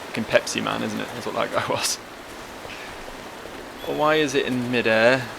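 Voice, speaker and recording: A man's voice: medium pitch, normal speed, vocal fry, background noise. A man hosting a video game playthrough, commenting casually in a dry, sardonic, sweary way. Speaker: gaming video host. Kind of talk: casual let's play commentary. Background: game music.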